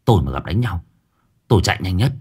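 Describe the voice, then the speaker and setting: A man's voice: deep voice, very animated, quick pace, darkish tone, slightly rough, exaggerated voice. A man voicing a brash young male spirit medium who jokes one moment and roars curses the next. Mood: cheerful denial. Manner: blustering, then roaring curses.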